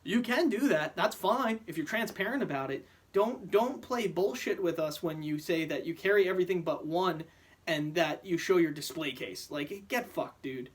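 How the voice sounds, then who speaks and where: A man's voice: on the high side, animated, moderate pace, husky. A man venting in a profane, heated vlog rant, often stammering and restarting his sentences. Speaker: vlogger. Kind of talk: angry rant to camera.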